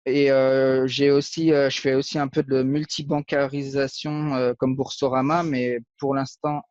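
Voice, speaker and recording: A man's voice: mid-range voice, level tone, measured pace, a little mellow, no room sound. Hesitant man from Portugal, dry lo-fi sound. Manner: hesitant, fillers, short laughs. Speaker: guest, affiliate marketer. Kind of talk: casual interview.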